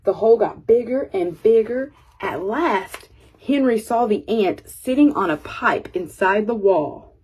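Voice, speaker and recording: A woman reads a children's picture book aloud, performing it as an expressive storyteller. Her voice is husky and medium-pitched, and she takes it a little slow.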